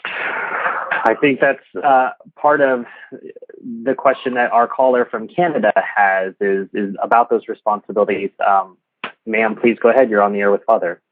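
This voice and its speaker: Man, smooth radio host, polite call-in introductions, lowish voice, thin phone-like sound, light hiss. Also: moderate pace. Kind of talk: smooth radio host handing over to a caller.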